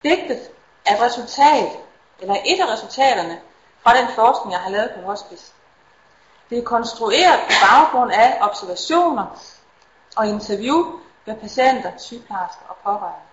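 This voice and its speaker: A middle-aged woman gives a conference talk in a fairly high voice, calm and measured as she explains her research. The sound is dull and lo-fi, with the roomy echo of a lecture hall. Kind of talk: conference talk with poem reading.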